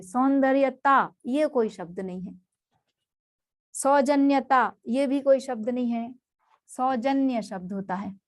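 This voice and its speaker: Higher-pitched woman teaching spelling patiently. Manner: patient, explains word by word and repeats each term. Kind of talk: spelling lesson for exam students.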